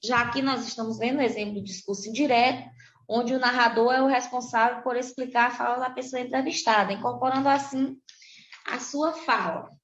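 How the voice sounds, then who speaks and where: A Brazilian woman teacher with a Brazilian Portuguese accent, reviewing a lesson for children and slowly spelling out example words. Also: on the high side, steady tone. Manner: slow, deliberate pronunciation of example words. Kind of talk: recorded classroom lesson for children. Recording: roomy, dull lo-fi recording.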